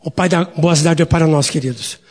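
A man's voice: fairly high pitch, fairly quick, big-room sound. A male pastor, preaching a sermon in a folksy storytelling way and often addressing the congregation as dear ones.

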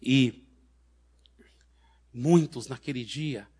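A man preaching a sermon testimony, swinging dramatically between loud declarations and hushed lines. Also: medium pitch, very slow, husky.

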